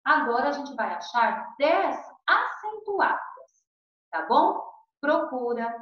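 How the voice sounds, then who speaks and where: A woman's voice: sits high, big pitch swings, takes it slowly. A Brazilian Portuguese-speaking woman teacher giving a recorded lesson to children, patient and encouraging, stretching syllables to show stress. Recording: distant, muffled and very echoey.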